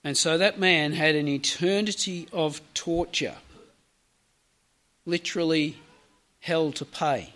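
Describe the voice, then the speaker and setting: A man with a high, light voice delivers a sermon. He retells a parable like a storyteller, dropping casual asides to his listeners along the way. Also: takes it slowly, pauses often, pushed and bright. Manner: storytelling preacher, conversational asides. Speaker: preacher.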